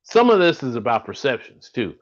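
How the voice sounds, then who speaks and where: This is an earnest, slightly rambling podcaster in his fifties, hailing from Alabama with a Southern accent and speaking over a video call. He restarts sentences as he goes, his mid-range voice sing-song and fairly quick, with the high frequencies cut off.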